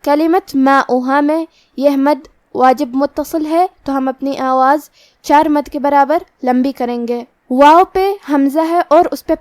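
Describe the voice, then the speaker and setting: A woman teaching Quran recitation rules step by step, reading each example in a slow, drawn-out chant. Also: high voice, darkish tone, no echo, studio quality. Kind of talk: tajweed lesson, explaining rules then reciting slowly.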